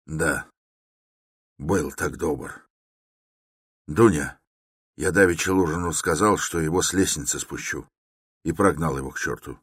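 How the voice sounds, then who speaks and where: A man's voice: extremely low pitch, unhurried, pauses often, a bit bright, breathy edge, no echo, clean studio sound, exaggerated voice. A man reading an audiobook who voices a feverish, irritable young man speaking curtly and with strain. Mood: harsh.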